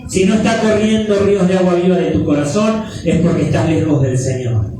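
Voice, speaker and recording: A man delivers a sermon as pastor, his voice pitched high for a man. He hammers his key lines again and again, swinging between loud and soft. He sounds distant from the mic, in a very echoey hall with faint noise underneath. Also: fairly quick.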